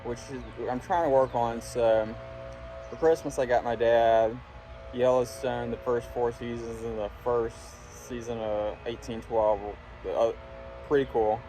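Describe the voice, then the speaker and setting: A young man from Alabama talking in a casual, halting, reflective ramble while smoking a pipe, often trailing off. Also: medium pitch, fairly even intonation, mellow, soft background music, rough recording. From Alabama, United States. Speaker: vlogger talking to viewers. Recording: windy, clear background noise. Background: wind.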